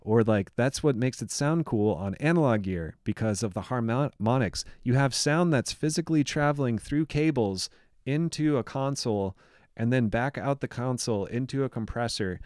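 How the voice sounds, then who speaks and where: Talking into a studio microphone, a music producer walks through his production in a chatty, enthusiastic way, peppered with "like" and other fillers. His mid-range voice has a darkish tone, normal speed, and no echo.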